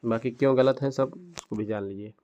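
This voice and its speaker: A man's voice: mid-range voice, fairly even intonation, brisk, warm tone. A man teaching an English grammar lesson, explaining each step while reading out English example sentences. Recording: dull lo-fi recording.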